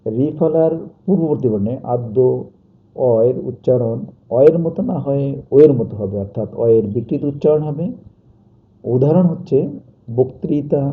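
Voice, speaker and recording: A male teacher giving a pronunciation lesson, slowly dictating and repeating example words. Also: medium pitch. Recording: tinny phone-like sound.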